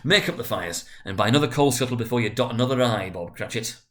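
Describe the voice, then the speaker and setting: Guy doing a loud growly old boss man, storybook style, gruff front but jolly underneath, really emphatic. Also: mid-range voice, lively intonation, fast talker, lightly acted. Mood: hearty, generous. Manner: emphatic, stern then hearty. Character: old gruff boss feigning anger, secretly jovial.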